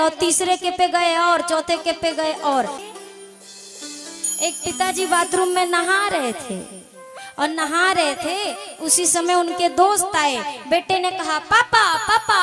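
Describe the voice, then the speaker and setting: A woman giving a devotional story discourse as a spiritual storyteller, speaking slowly and asking rhetorical questions. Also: extremely high pitch. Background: devotional music.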